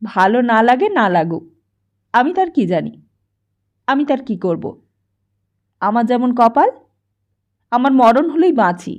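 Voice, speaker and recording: A woman voicing a weary, bitter poor mother who scolds her son in a nagging, sharp, raised voice, in a dull lo-fi audiobook recording. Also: high-pitched, animated, measured pace, long pauses. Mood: scolding. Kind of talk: audiobook character voice.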